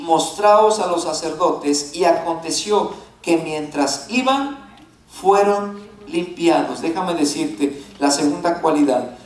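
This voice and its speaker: A male pastor preaching a sermon, animated and calling on the congregation to repeat after him. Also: high voice, roomy sound, distant mic, low-quality recording. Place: church sanctuary.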